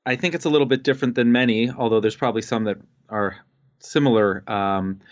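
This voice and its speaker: A man from Costa Rica, a guest entrepreneur, telling his life story in a relaxed way with many pauses and fillers. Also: mid-range voice, lo-fi sound.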